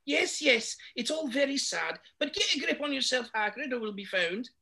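A man playing a stern older witch professor who scolds in a sharp, hushed voice. He pitches her very high and keeps the tone tight and bright, with wide leaps in intonation. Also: big pitch swings, moderate pace, gravelly, full character voice. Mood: scolding.

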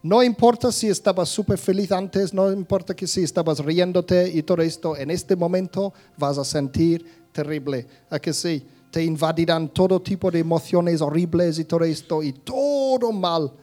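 A man's voice: fairly high pitch, moderate pace, mellow, faint music behind. A man giving a casual talk to an audience. He speaks conversationally, with many restarts, and acts out little scenes.

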